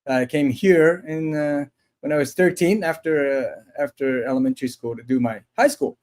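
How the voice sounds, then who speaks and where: A man's voice: a little high, normal speed, darkish tone. Chatty self-deprecating male co-host. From Taiwan. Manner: chatty, self-deprecating, many restarts and laughs. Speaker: podcast co-host. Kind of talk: casual livestream chat.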